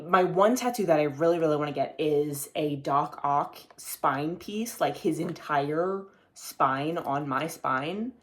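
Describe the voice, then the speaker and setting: A young man with a fairly high, somewhat bright voice hosts his own video podcast. He rambles casually to the camera and swears from time to time.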